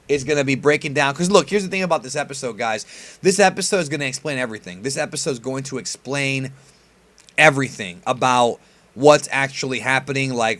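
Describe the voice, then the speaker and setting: A man hosting a reaction video shares laid-back fan commentary on an anime preview, his slang casual and a little sweary. The voice is mid-pitched with a fairly bright quality.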